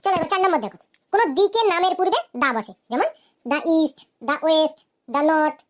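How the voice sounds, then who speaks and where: A woman teaching a cartoon grammar lesson, asking questions and answering them herself, and saying her English examples slowly. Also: extremely high pitch, expressive.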